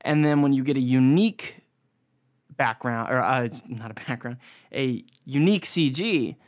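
A young American man hosts a podcast, delivering a casual, rambling, self-deprecating solo review in informal language. He speaks at medium pitch and a moderate pace.

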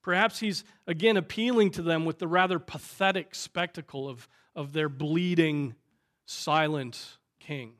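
A male pastor with a Southern American accent, preaching a sermon with dramatic swings in loudness. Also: fairly high pitch, a little slow. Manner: dramatic, voices the crowd's shouts loudly.

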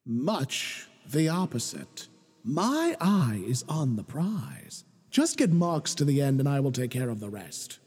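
A smug male mastermind who taunts and lectures, his breathy voice swooping up and down at a slow, savoring pace. He sounds grandiose and theatrical, like a showman toying with people. The voice carries a long reverb tail. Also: mid-range voice, sing-song, a little mellow, soft background music, heavily acted. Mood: mocking. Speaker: villain. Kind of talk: video game voice acting.

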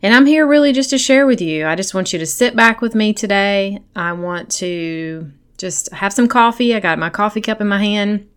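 A woman's voice: medium pitch, normal speed, smooth. A middle-aged woman hosting a podcast, talking casually and personally in an earnest, encouraging manner to women listeners. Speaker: podcast host and coach.

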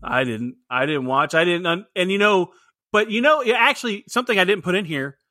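Bright-voiced man chatting on a podcast. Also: sits high, lively intonation, brisk, no room sound, clean studio sound. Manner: chatty, laughs often, rambling restarts. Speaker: podcast co-host. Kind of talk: casual movie review chat.

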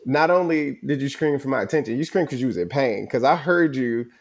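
A man's voice: medium pitch, expressive, fairly quick. Laid-back man, rambling with fillers. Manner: rambling, many fillers, loose slang. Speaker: vlog co-host. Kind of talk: casual storytelling.

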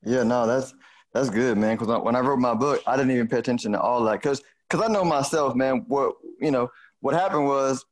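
This Houston, Texas podcast host and financial advisor talks briskly in a mid-range voice. The conversation is casual and colloquial, sprinkled with "you know."

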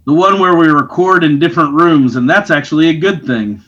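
A man co-hosting a chatty podcast, his slightly high voice sounding muffled and boxed-in, as though he were talking into a trash can. The sound is dull and lo-fi, coming in from a separate remote room. He keeps things upbeat and laughs easily. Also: fairly quick, fairly bright tone, husky. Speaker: podcast co-host. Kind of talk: casual chat.

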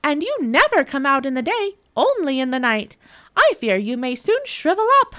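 A woman voicing a bold, determined young wife in a storybook reading, in a high, sugary, mock-sweet manner. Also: very animated, measured pace, fairly bright tone, no echo.

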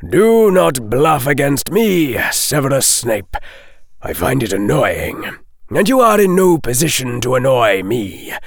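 A man's voice: medium pitch, sing-song, unhurried, creaky, no room sound, clean studio sound, pitched above the performer's own voice, exaggerated voice. Man acting sardonic Professor Quirrell, swooping and drawling. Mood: stern, disdainful. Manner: mocking, drawling, sharply emphatic. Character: sardonic, condescending male defense professor, theatrically articulate.

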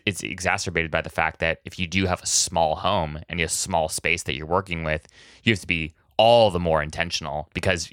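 A male podcast host with a low, smooth voice, recorded close and dry. He asks long, wandering questions peppered with fillers. His tone is bright and forward. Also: no room sound. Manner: rambling questions full of "like" fillers. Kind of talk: casual interview.

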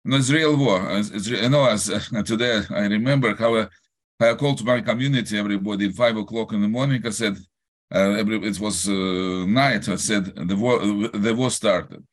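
An older man with a Russian accent, a rabbi answering interview questions haltingly in a non-native language, searching for words and restarting often. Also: lowish voice.

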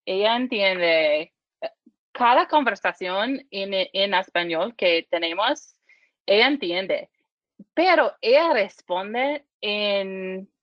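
Her halting Spanish, full of fillers and restarts, marks this thirties-aged Michigan woman as a learner whose first language is English, appearing as a podcast guest. She has an expressive mid-range voice, captured as dull audio with no room sound.

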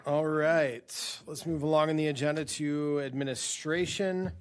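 A man chairing a formal council meeting, moving through the agenda in a brisk, businesslike manner. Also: a little high, fairly even intonation, slight background noise.

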